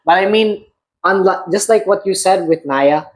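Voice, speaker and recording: A man's voice: high-pitched, moderate pace, poor audio. A young man with a Filipino accent, co-hosting a casual podcast, who talks in a hesitant, hedging way full of fillers. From Philippines. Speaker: podcast co-host. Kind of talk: casual chat.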